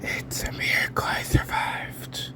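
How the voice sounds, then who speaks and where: A sick man whispering to spare his throat, giving nervous murmured commentary as he plays a game. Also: unhurried. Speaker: gamer playing a horror game.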